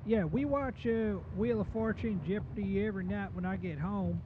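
A rambling, muddled trucker, as a man puts him on, wandering confidently through half-remembered facts in a raised, high-set voice. The sound is dull and lo-fi, with loud outdoor traffic rumbling behind him. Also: normal speed, lightly acted. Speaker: recurring comedy character.

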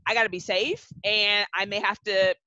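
Woman, podcast guest, bright forceful tone, measured reflective storytelling, dry muffled recording. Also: medium pitch, fairly even intonation, dry recording. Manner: measured, reflective, often slows to stress points. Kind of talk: conversational interview storytelling. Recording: dull, dry lo-fi podcast audio.

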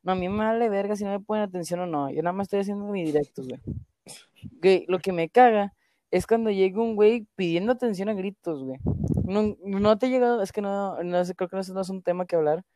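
A young woman with a Mexican accent speaks quickly in a mellow, mid-range voice. Chatting casually on a stream, she uses lots of slang, swears a great deal and scatters filler words throughout.

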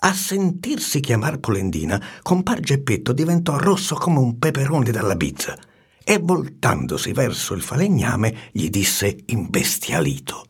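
A man with a raspy, gravelly voice reading a storybook aloud in an expressive, animated way. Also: mid-range voice, measured pace. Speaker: narrator.

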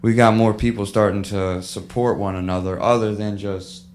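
A man's voice: fairly low pitch, steady tone, normal speed, a little mellow, a little hiss or hum. A man talking casually as a podcast guest, telling slangy, earnest stories about his own experience. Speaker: music producer, podcast guest.

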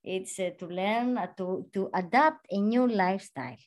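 A woman from Greece interviewing in casual conversation, with halting, repetitive non-native phrasing. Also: mid-range voice.

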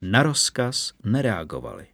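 A man narrating a fantasy story in a steady, measured audiobook reading. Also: on the low side, gravelly, dry recording, clean studio sound.

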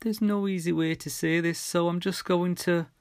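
A man voicing a gentle middle-aged mother, speaking softly and trembling as she breaks bad news. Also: high voice, unhurried, no room sound, clean studio sound, voice pushed up. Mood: strained. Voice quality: soft, trembling, breaking with sobs.

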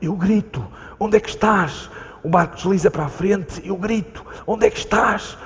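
A frightened man lost at sea, calling out again and again for a companion who is gone, as a man reads him on stage. His European Portuguese voice sits a little high and turns urgent and pleading. The long hall reverb of a live theatre reading hangs around every word. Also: moderate pace, a bit bright. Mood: haunted recounting.

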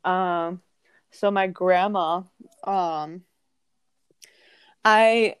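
A woman's voice: lowish voice, drawn-out words, clear, resonant tone, dry recording, studio quality. Chatty young woman telling a rambling story. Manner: rambling, animated, frequent restarts and laughs. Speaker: podcast co-host. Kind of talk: casual chat, storytelling.

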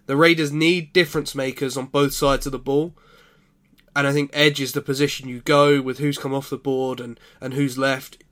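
A man's voice: medium pitch, little pitch movement, normal speed, a bit bright. A man on a sports podcast giving draft commentary, announcing picks in top ten countdown fashion and arguing his case. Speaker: podcast panelist. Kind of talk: American football draft commentary.

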